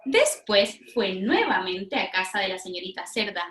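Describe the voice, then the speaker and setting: Lively teacherly woman reading aloud. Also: mid-range voice, moderate pace. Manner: animated, questioning, teacherly. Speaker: pedagogue. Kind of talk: interactive storybook reading demonstration. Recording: roomy echo.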